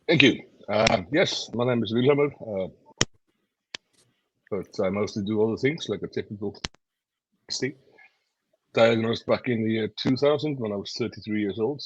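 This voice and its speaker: Icelandic man, 50s, panelist, very deep husky voice, dry muffled call audio. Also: normal speed, long pauses. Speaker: panelist, association chairman. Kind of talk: online panel introduction. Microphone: video call.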